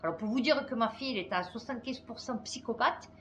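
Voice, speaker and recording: A middle-aged woman hosting her channel, chatting to viewers in a fast, excitable way with many fillers. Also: on the high side, a little hiss or hum. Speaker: channel host. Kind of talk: casual chat to viewers.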